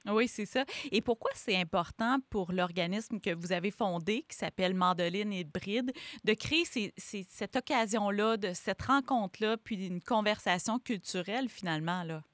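A Quebec French woman hosts a radio interview, reading her introduction smoothly before slipping into conversational questions. The sound is dry and close, with no room echo. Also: medium pitch, moderate pace, hardly any pauses. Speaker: radio host.

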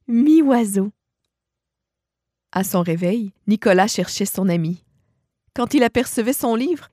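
A woman reading a bedtime story aloud to a child, gentle and expressive with slow pauses. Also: mid-range voice, no echo, studio quality.

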